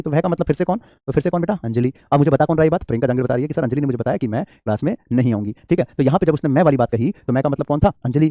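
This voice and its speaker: A male teacher talks through a grammar lesson at a brisk clip. He asks his own questions and answers them, and he addresses students fondly as children. His voice is warm and relaxed, and the recording is dry and close with no room sound. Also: fairly high pitch, dry recording. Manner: affectionate toward students, calls them child. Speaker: English teacher. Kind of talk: classroom-style grammar lecture.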